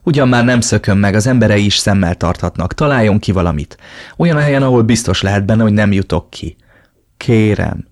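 A man's voice: on the low side, expressive, a little mellow, close to an everyday voice. A man voicing a frightened but stubborn young woman held captive, reading her lines in an audiobook. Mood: insistent. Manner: pleading, then indignant.

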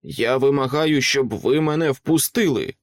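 A man's voice: medium pitch, a little slow, no room sound, studio quality, natural voice. A man voicing a resolute middle-aged male lawyer who speaks firmly and commandingly. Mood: insistent.

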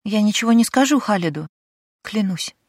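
A woman's voice: mid-range voice, lively intonation, normal speed, dry recording, clean studio sound, pitched above the performer's own voice. A woman voicing a capricious young noblewoman in an audiobook, with a demanding, sarcastic manner. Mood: insistent.

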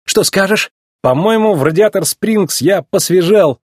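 A man's voice: high voice, animated, measured pace, no echo, clean studio sound, pitched above the performer's own voice. A man voicing a cocky, playful young male race car in an easygoing tone.

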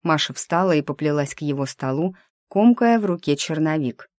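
A woman narrating a novel in an audiobook, reading at an even, measured pace. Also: low voice, no room sound, studio quality. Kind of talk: scripted narration.

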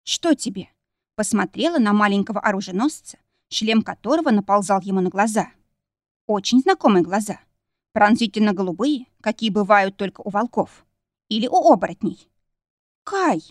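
A woman's voice: mid-range voice, a little fast, dry recording, studio quality. Woman narrating a fantasy audiobook. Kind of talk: first-person audiobook narration.

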